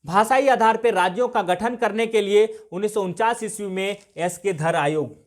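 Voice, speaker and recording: High-voiced man lecturing a class. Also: moderate pace. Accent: Jharkhand Hindi. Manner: repetitive, asks and answers own questions. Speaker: exam coaching teacher.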